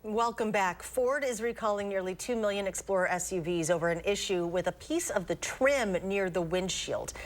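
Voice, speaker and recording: American woman anchor, mid-pitched. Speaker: news anchor. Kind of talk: scripted news reading.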